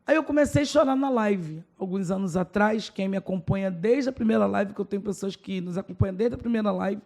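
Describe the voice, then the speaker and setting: Brazilian lady pastor, gravelly mellow voice, emotional testimony, acts out the dialogue. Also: medium pitch, fairly quick. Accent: Brazilian Portuguese. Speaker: pastor, podcast guest. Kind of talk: personal testimony in a podcast interview.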